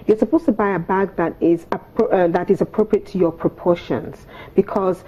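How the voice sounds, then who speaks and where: Prim, precise Nigerian woman, lowish voice. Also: steady tone, normal speed, dark tone, slightly rough, highs cut off. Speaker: etiquette coach, studio guest. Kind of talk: explanatory talk on a TV morning show. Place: TV studio on a sofa set.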